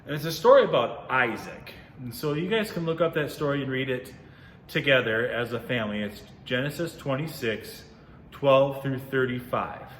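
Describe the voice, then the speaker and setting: A man's voice: mid-range voice, normal speed, fairly bright tone, reverberant, long reverb tail, slight background noise. A man leading a casual, upbeat Bible lesson for children on video, chatty and often correcting himself. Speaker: youth ministry teacher.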